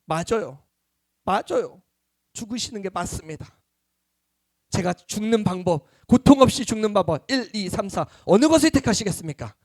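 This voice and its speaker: An overly agreeable AI chatbot , as a preacher puts it on, calmly answers yes to everything. The voice sits high and eager to please. The sound is dry and close. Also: male voice, moderate pace, no echo. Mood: soothing. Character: smooth agreeable AI chatbot, sexless machine.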